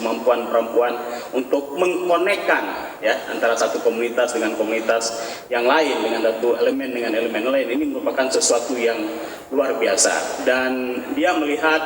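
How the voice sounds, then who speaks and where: A man's voice: medium pitch, moderate pace. A man moderating a public event in a conversational way, introducing and interpreting for guests. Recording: echoey hall from far off, faint noise.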